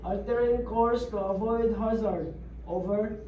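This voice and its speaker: A man's voice: high voice, steady tone, unhurried, heavy background noise. A man working as a radio operator, calling in clipped procedure phrases over a marine VHF radio transmission in a scripted drill. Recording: far-off echoey lo-fi radio.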